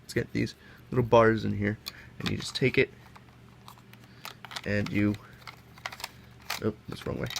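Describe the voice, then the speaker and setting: A young toy reviewer with a cold sniffles through a casual, rambling chat, correcting himself while comparing products hands-on at an indoor table. His voice is low and gravelly. A camera mic off-screen above the table captures it with noisy home sound.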